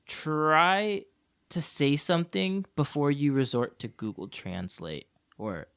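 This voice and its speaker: Animated storytelling man on a podcast. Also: on the high side, slow pace, clear, resonant tone. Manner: animated storyteller, acts out dialogue. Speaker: podcast co-host, English teacher in Japan. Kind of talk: casual podcast chat.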